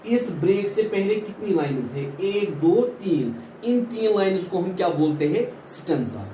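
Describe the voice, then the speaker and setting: Male teacher, higher register, very expressive pitch, slow deliberate lecture delivery, echoey room. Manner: explains in Hindi, slowly repeats English definitions, often says "ठीक है बेटा". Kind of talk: classroom poetry lecture. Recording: echoey room with faint background noise.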